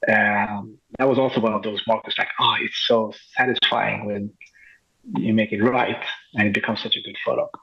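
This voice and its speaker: A man talks about his photography in a relaxed interview, eager and full of small restarts. His voice is gravelly and husky, and the recording sounds dull and lo-fi. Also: fairly low pitch. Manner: enthusiastic, halting with frequent restarts. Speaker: street photographer guest. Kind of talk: casual interview chat.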